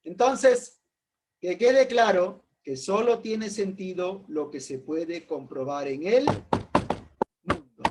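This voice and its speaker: A man's voice: high voice, slow pace, heavy background noise. A man teaching a philosophy class in an informal way, calling on students by name, asking rhetorical questions and making jokes.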